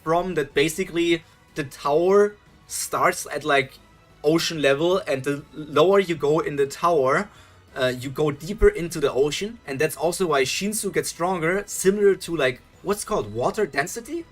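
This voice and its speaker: Speaking at a normal pace in a slightly high voice, a young man from Germany reads a webtoon live while soft music plays. His German accent comes through as he chats loosely, thinks aloud, restarts, chuckles, and answers his viewers.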